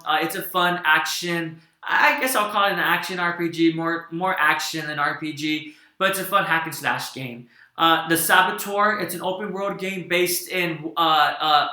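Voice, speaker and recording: A man's voice: sits high, bright, forceful tone, echoey room. A man giving a casual, enthusiastic video game review, rambling with fillers and restarts.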